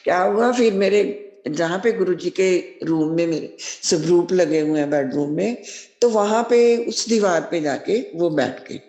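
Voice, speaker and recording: A woman's voice: on the low side, measured pace, a little mellow. A middle-aged woman sharing a devotional testimony, earnest and devout, often repeating blessings. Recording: roomy echo.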